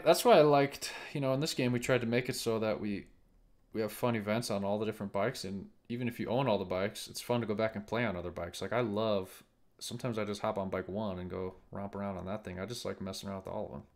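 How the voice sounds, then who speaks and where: Casting: laid-back guy, low gravelly voice, game dev streaming. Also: fairly quick. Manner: relaxed, chatty, playful. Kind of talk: casual chat while gaming.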